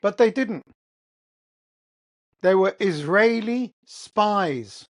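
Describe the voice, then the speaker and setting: Hosting a fiery solo monologue, an Englishman with an English accent swears bluntly and fires off rhetorical questions. His high, animated voice stretches out his words.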